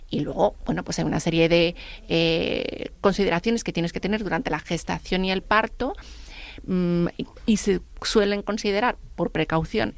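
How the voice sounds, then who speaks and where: Middle-aged woman, gravelly voice, dry close sound, lively storytelling on radio. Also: mid-range voice, no room sound. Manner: lively storyteller acting out dialogue. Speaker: guest.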